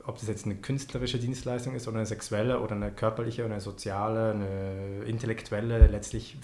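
Man, Swiss accent, low pitch, relaxed, filler-heavy storytelling, roomy echo. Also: fairly quick. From Switzerland. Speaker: podcast guest, performance artist. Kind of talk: casual conversation.

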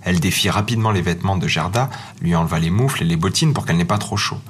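A man calmly reading a fairy tale aloud as narrator. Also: low voice, fast talker, a little hiss or hum. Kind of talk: scripted storybook narration. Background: faint music.

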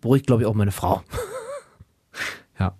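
A man's voice: on the high side, lively intonation, brisk, dark tone, no room sound, clean studio sound. A young man with a tired voice, rambling in a casual solo monologue as podcast host. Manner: chatty, rambling, self-amused, puts on silly baby-talk voices.

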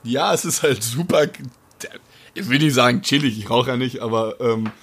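Young guy with smoker's rasp, mid pitch, casual rambling podcast chat. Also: normal speed, a bit bright. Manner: colloquial, rambling storytelling. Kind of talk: casual chat among friends.

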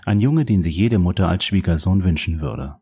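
A man narrating a crime novel as an audiobook, in a steady, measured reading voice. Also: low-pitched, slightly rough.

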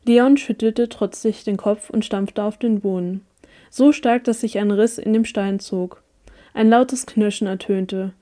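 A woman narrating a first-person story as an audiobook reader, with an even storytelling delivery. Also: mid-range voice, unhurried.

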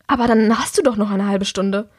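A woman's voice: medium pitch, fairly quick, breathy edge, no room sound, studio quality, lightly acted. A woman narrator voicing a tearful middle-aged mother who pleads in a raised voice. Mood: pleading.

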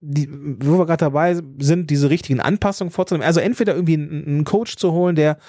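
Talking quickly in a warm, fairly high voice, a German man in his thirties hosts a podcast, working through his thoughts in a personal monologue with restarts, fillers and a slight consonant stutter. It's a clean studio recording without echo.

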